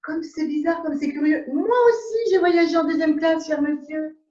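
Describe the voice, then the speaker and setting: A woman playing a prim English lady in an absurdist stage scene, speaking in measured, repetitive exclamations of polite surprise over a video call. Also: very high-pitched, fairly even intonation, dark tone. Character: prim English lady, mildly astonished, formal. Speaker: amateur actor. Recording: dull echoey room audio.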